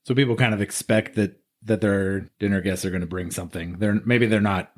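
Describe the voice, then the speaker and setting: A man's voice: lowish voice, fairly even intonation, fairly quick. A man from the United States co-hosting a podcast in casual chat, joking and asking long, rambling questions. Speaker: podcast co-host.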